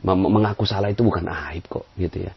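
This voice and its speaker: A man's voice: fairly even intonation, fast talker, gravelly, husky. A man preaching to an audience in a conversational way, acting out quoted voices and chuckling often. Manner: conversational, acts out quoted voices with big pitch jumps; frequent fillers and chuckles. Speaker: Islamic preacher. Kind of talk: motivational religious talk. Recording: dull lo-fi audio.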